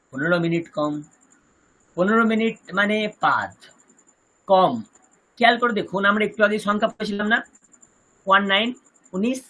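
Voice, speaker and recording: A Sanskrit teacher with a Kolkata Bengali accent giving an online lesson over a video call, reciting terms slowly one by one and quizzing the class. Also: medium pitch, fairly bright tone, low-quality recording.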